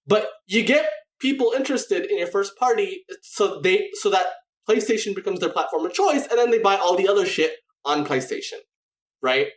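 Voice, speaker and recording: Animated, rambling man on a gaming podcast. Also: sits high, normal speed, reverberant. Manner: rambling, animated, many restarts and "you know"s. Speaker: podcast co-host. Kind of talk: casual gaming podcast chat.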